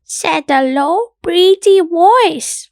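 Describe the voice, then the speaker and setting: A woman with a very high voice reads a children's bedtime story aloud. She narrates slowly and expressively, with playful emphasis. The sound is close and dry. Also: lively intonation, no room sound.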